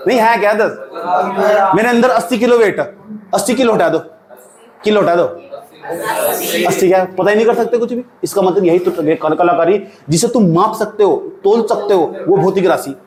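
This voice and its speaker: A man with an Indian accent teaching a physics class, lively and teasing, often asking his students questions. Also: high-pitched, reverberant, background noise. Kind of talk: classroom lecture.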